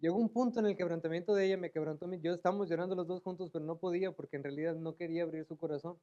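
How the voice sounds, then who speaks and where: High-voiced preacher, emotional sermon. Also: male voice, fairly even intonation, rapid-fire, highs cut off. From Mexico. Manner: emotional, acts out pleading voices, rises to loud emphatic peaks. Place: church sanctuary.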